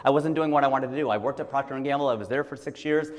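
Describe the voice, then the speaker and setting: A man in his forties from Ohio, USA gives a stand-up style motivational talk, joking and conversational, acting out the people he quotes. His voice sits in the mid-range and races along, with a big-room sound.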